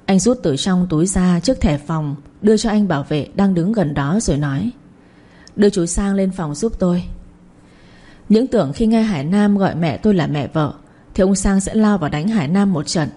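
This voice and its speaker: A woman narrating a first-person audio story in a steady, plain way. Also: on the low side, fairly quick.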